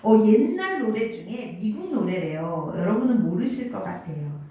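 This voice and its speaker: A woman's voice: mid-range voice, big pitch swings, moderate pace, dark tone. A woman pastor giving a sermon, telling stories and asking the congregation questions. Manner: storytelling, asks the congregation questions. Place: church sanctuary. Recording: very echoey church hall.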